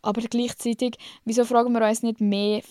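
A woman's voice: a little high, little pitch movement, brisk, mellow, no room sound, clean studio sound. A young woman with a Swiss German accent hosting a casual advice podcast, talking bluntly and frankly with lots of slang. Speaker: podcast host.

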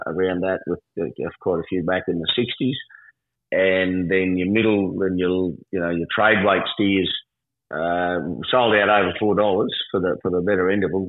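A man with a rural Australian accent giving a casual livestock market report on radio in a laconic, colloquial outback drawl. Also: sits low. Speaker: livestock agent interviewed as guest. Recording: roomy, phone-like line.

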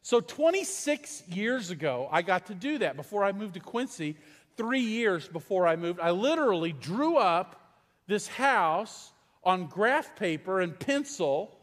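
A high-pitched man, middle-aged, preaching to his congregation as their pastor. He tells stories in a loose, conversational way and keeps asking the people in the pews questions. His voice rings out with a long reverb through a large church hall. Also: very animated, unhurried, a bit bright. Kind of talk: sermon.

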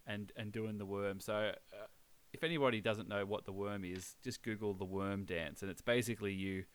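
A man's voice: on the low side, fairly even intonation, normal speed, smooth. An Australian man hosting a podcast in casual chat, with a laconic, laid-back drawl. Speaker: podcast host.

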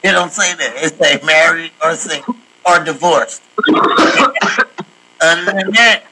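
A man's voice: on the high side, measured pace, heavy background noise. A man hosting a casual podcast chat, telling stories in a loose, slangy way and laughing often. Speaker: podcast host.

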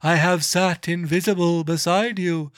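A man voicing an anguished male ghost in chains, reading in a drawn-out wailing manner that rises high. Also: steady tone, no room sound, studio quality, lightly acted. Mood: mournful. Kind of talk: dramatic reading of a classic novel.

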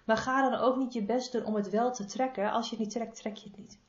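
A woman's voice: a little high, steady tone, a little fast. Woman therapist in an echoey room. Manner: informal, repeats key advice; affectionate toward listener. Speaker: body-energy therapist. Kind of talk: casual advice monologue. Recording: roomy, slightly dull sound.

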